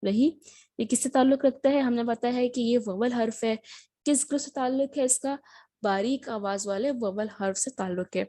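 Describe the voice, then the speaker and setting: A woman's voice: on the high side, mellow, no echo. A woman teaching a spoken language lesson, patient, repeating words and asking herself questions as she explains. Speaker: Turkish teacher.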